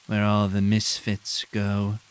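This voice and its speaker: A man voicing a condescending male professor with a nasal, monotone voice, speaking coldly and slowly. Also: on the low side, clean tone. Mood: smug. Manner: cold, slow and drawn-out. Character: smug, condescending male professor giving a tour.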